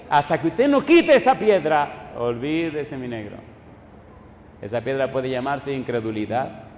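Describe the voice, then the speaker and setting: A male pastor preaching a sermon, pressing the congregation with repeated yes-or-no questions and dropping from loud exclamations to soft, hushed storytelling. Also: mid-range voice. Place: church sanctuary. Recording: church hall reverb, faint room noise.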